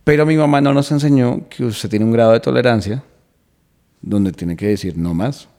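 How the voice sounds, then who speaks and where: A man's voice: medium pitch, normal speed, warm tone. Earnest man talking it through. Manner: earnest, reflective, explains at length. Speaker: stand-up comedian and guest. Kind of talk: casual podcast conversation.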